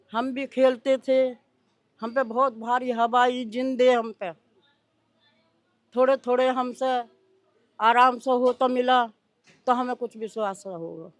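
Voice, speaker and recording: A woman answers questions in a field interview. She talks slowly, in halting, rambling sentences, and her voice sounds close and dry with no room echo. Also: high-pitched, fairly even intonation. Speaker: interviewee, devotee.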